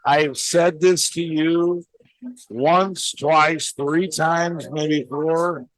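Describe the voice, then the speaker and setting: An enthusiastic man with a St. talks in a deliberate, unhurried way, his pitch sitting a bit high. He sounds like a bar owner rallying fans in a casual chat. The sound is dry and close, with faint music underneath. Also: fairly even intonation, a bit bright, no room sound, poor audio. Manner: enthusiastic, hyped-up booster. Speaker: bar owner and podcast host. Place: indoors at a bar.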